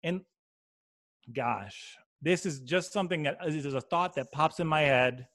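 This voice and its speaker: A man with a Michigan accent chats animatedly about sports bets, tossing in jokes and quick asides. His voice sits on the high side for a man. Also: fairly bright tone. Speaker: sports betting podcast co-host. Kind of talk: casual sports chat.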